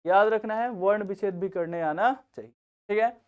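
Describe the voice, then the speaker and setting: A male teacher explaining grammar in a steady lesson, often checking in with students as he goes. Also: sits high, normal speed, clean tone. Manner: repeats "theek hai na" as a check-in. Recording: tinny phone-like recording.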